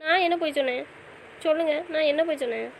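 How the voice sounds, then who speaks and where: A woman's voice: sits high, quick pace, vocal fry, a little hiss or hum, low-quality recording. A woman playing a wife in an audio drama, pleading and pressing with questions. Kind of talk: casual audio drama acting.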